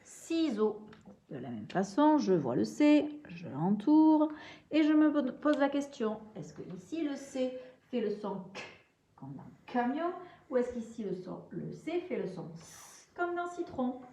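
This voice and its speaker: A woman's voice: high-pitched, sing-song, unhurried, warm tone. A young woman teaching a reading and handwriting lesson, patiently walking through sounds step by step. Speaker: primary school teacher.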